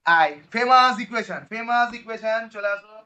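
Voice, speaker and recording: A man teaching chemistry in a classroom lecture, lively and coaxing, often checking that the students follow. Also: sits high, moderate pace, dull audio.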